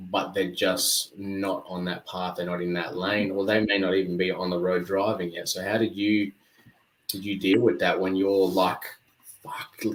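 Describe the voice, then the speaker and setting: A man's voice: deep voice, low-quality recording. A man hosting a podcast, asking earnest, searching questions. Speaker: podcast host. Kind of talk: casual podcast interview.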